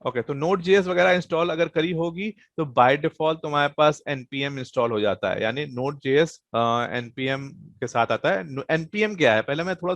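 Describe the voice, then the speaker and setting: A man's voice: on the high side, a bit bright, no room sound. A man teaching a programming class online, explaining casually and checking in with students, with plenty of fillers. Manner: explains casually, many fillers and "thik hai" check-ins.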